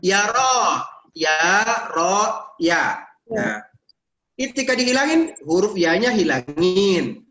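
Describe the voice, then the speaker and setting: Lively high-voiced Indonesian man lecturing. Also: slow pace. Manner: lively, teasing, drills students with call-and-response. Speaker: Arabic grammar lecturer. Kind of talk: online university lecture. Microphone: video call. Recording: echoey room, dull lo-fi sound.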